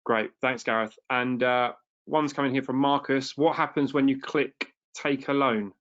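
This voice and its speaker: A man hosting a webinar, thanking the presenter and briskly reading out viewer questions. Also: medium pitch, fairly even intonation, a bit bright, muffled recording. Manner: friendly, brisk, reads out questions. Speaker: webinar host.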